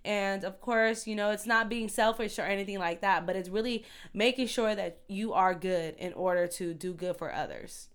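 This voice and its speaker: A woman co-hosting a podcast in casual chat, playful and quick to laugh, full of slang and repeated catchphrases. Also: mid-range voice, fairly even intonation, fairly bright tone, clean tone. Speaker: podcast co-host.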